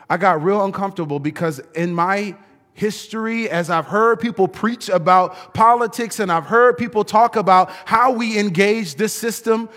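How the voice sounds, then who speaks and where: A man preaching a sermon in an emphatic, lively way, often laughing between words. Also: sits high. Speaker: pastor. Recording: long hall reverb.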